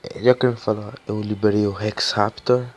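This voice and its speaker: The clip is very noisy, with game music behind a man whose cold leaves him hoarse. Speaking at a normal speed in a lowish voice, this gaming YouTuber opens card packs, cursing casually and getting excited over what he pulls.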